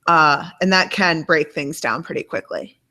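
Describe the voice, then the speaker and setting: A woman's voice: deep voice, animated, moderate pace, bright, forceful tone. A woman co-hosting a casual book club discussion, talking things through with chatty asides and fillers. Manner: chatty, thinks aloud with fillers. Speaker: book club co-host, scientist.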